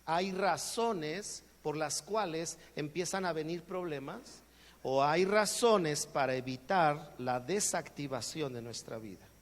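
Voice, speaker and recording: A man's voice: fairly high pitch, slow. A man with a Mexican accent preaching a sermon as pastor, joking and acting out everyday exchanges. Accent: Mexican Spanish. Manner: jokey, acts out everyday exchanges. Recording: long hall reverb.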